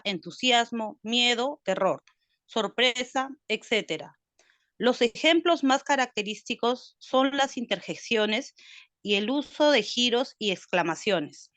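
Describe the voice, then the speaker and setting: A woman's voice: fairly high pitch, a bit bright, no room sound. A woman student reading a text aloud in an online class and explaining it with examples.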